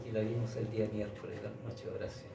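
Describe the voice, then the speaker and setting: A man tells a story in a sermon, circling back over his words and restarting haltingly. His voice is lowish, creaky and very noisy. He stands far from the mic in an echoey room, with steady ambient sound underneath throughout.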